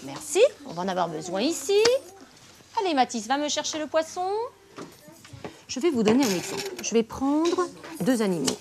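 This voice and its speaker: Lively high-voiced woman teaching young kids. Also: moderate pace, creaky. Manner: patient, encouraging, asks many questions. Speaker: primary school teacher. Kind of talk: classroom reading lesson with young children. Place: classroom with children. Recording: noisy classroom with children. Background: children's chatter.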